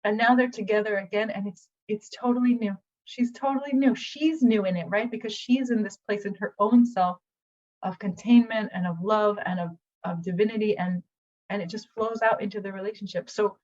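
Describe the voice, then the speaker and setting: A woman's voice: mid-range voice, steady tone, moderate pace, darkish tone. A woman acupuncturist and healer giving a chatty personal testimonial, telling a story animatedly with plenty of fillers. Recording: dull lo-fi recording.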